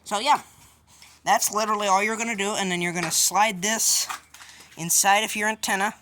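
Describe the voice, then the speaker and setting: Speaking at normal speed in a mid-range voice with fairly even intonation, a DIY video host walks through a hands-on tutorial. Her style is casual, colloquial and offhand. Clicks and other background noise come through an otherwise clear recording.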